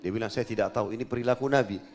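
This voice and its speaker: Guy preaching, tells the story w/ voices for everyone, faint music behind him. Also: rapid-fire. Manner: animated storyteller, acts out dialogue with pitch jumps. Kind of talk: sermon storytelling.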